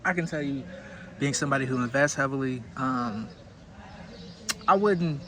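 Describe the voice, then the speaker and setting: A man's voice: medium pitch, moderate pace, a crowd in the background. A man hosting a whiskey review in casual solo commentary, conversational and opinionated as he thinks aloud. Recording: clearly noisy background.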